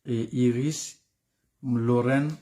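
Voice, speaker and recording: A man's voice: mid-range voice, fairly even intonation, drawn-out words, mellow. A tired man, advising viewers on studying abroad in a live stream. He speaks familiarly, calls viewers by name and repeats himself.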